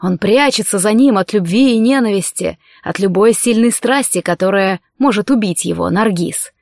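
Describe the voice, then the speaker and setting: A woman's voice: mid-range voice, normal speed, creaky, dry recording, studio quality, close to an everyday voice. Woman voicing a silky scheming male sorcerer. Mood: coaxing. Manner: soft, coaxing, insinuating. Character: smooth-talking scheming male sorcerer, young adult. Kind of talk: audiobook character reading.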